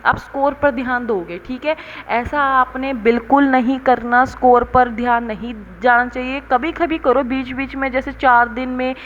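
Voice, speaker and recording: A woman's voice: high voice, steady tone, moderate pace, few pauses, fairly bright tone, muffled recording, a little hiss or hum. A young woman giving a casual coaching lesson, mixing English terms into Hindi and often checking in with "theek hai". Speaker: exam coaching tutor.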